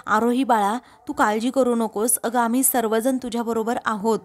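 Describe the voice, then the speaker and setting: A middle-aged father reasons firmly with his family, as a woman reads his lines. The voice stays a little high. It sounds like a plain reading of soap-opera dialogue. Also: fairly even intonation, moderate pace, natural voice. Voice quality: reasoning, firm.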